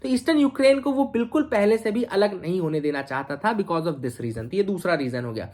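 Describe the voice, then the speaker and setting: A woman's voice: mid-range voice, expressive, a little fast, darkish tone. A woman teaching an explanatory video lesson for exam students in a chatty way, asking rhetorical questions and mixing in English phrases. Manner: mixes English phrases into speech.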